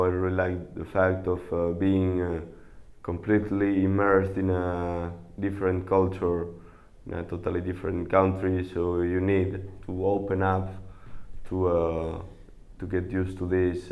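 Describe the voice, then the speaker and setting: A man, his voice low and gravelly. His delivery is halting and full of fillers as he talks to camera about his volunteer work. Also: a little mellow. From Spain. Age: 20s. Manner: halting, many pauses and fillers. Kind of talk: interview to camera.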